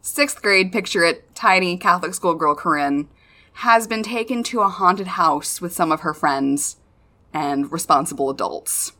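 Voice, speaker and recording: Bright-voiced woman, silly and chatty. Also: on the low side, unhurried. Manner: silly, self-mocking, sweary. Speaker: podcast co-host. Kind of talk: casual chatty podcast storytelling.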